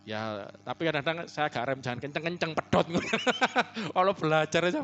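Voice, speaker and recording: A male pastor delivers a conversational church sermon, his voice sitting somewhat high for a man. He tells stories, keeps addressing the listeners as "saudaraku", and swings between loud emphasis and soft, hushed asides. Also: expressive, normal speed, dull audio, faint music behind. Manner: chatty, storytelling, often calls listeners "saudaraku". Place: church service.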